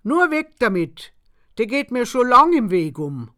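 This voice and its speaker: A woman's voice: a little high, very animated, takes it slowly, fairly bright tone, voice pushed up, heavily acted. A woman voicing a sly, stubborn farmer of about sixty, speaking blunt and emphatic. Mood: insistent. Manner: crafty, blunt dialect speech, raised and emphatic.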